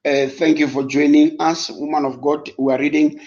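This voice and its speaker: A man's voice: fairly high pitch, level tone, normal speed, darkish tone. A South African man, a native Sotho speaker, preaching a live-streamed Bible lesson with emphatic repetition and rhetorical questions. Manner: switches between English and Sotho. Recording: dull, lo-fi live-stream audio.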